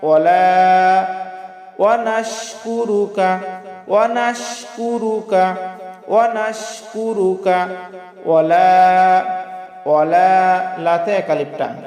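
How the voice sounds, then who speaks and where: A man with a high voice leads a word-by-word recitation lesson, chanting each phrase slowly and then explaining it quickly and patiently. The recording is roomy, with a long reverb trailing behind every line. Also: darkish tone, soft background music. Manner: patient, corrects common mistakes. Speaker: Quran recitation teacher. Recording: echoey room with long reverb.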